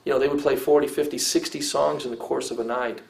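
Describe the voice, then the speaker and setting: A middle-aged rock singer gives advice in a laid-back interview, his mid-range voice gravelly and darkish with a fairly even intonation. He talks fast and rambles, leaning hard on "you know" and "I mean" and restarting his sentences often.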